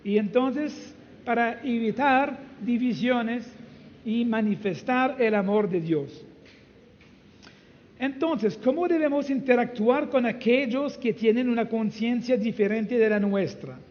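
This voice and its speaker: A man's voice: very high-pitched, slow pace, a little hiss or hum. A man, a pastor, giving a conversational sermon in a church hall, teaching with many rhetorical questions. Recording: dull, reverberant hall recording.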